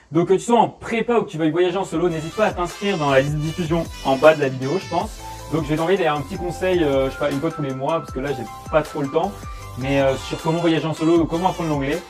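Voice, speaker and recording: A man's voice: on the high side, a little mellow. A young man from France, chatting informally with many fillers, giving study and travel tips straight to the viewer in a casual vlog.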